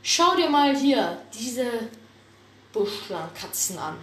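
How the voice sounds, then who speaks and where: A woman's voice: a little high, sing-song, slow, echoey room, slight background noise, voice pushed up. A woman doing a furious tomcat clan leader. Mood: scornful. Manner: shouting, aggressive. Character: hot-tempered male warrior cat clan leader.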